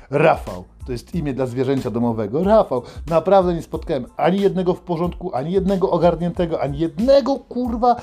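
A man delivers a crude comedic rant as host, cursing nearly every line and bursting into mocking shouts. His voice sits a little on the high side. Faint music plays softly behind him. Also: husky. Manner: crude, swears constantly, yells names mockingly.

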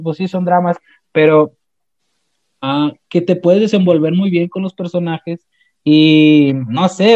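A young man with a Mexican accent, casually retelling an anime plot in a slangy, animated way with many restarts. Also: a little high, no room sound. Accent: Mexican Spanish. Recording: dull, slightly lo-fi dry sound.

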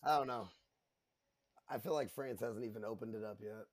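A man's voice: lowish voice, moderate pace, crowd noise. A man co-hosting a casual sports podcast who jokes around and repeats his points. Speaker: podcast co-host.

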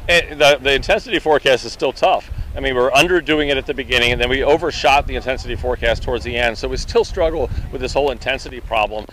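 A man's voice: mid-range voice, fast, few pauses, fairly bright tone, low-quality recording. Emphatic man explaining, some background noise. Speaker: hurricane forecasting agency director. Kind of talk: interview explanation.

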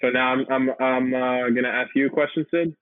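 A young man co-hosting a podcast, relaxed and a bit hesitant, with fillers. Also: mid-range voice, fairly quick, no room sound. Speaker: podcast co-host. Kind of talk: casual podcast chat. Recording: tinny phone-like line, dry.

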